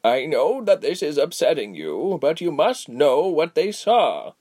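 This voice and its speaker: Male narrator as an old female healer, slow, calm, firm. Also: a little high, pitched above the performer's own voice. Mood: stern. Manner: slow, calm, measured, stern. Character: old, tired, wise female healer with a walking stick. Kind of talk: audiobook character voice.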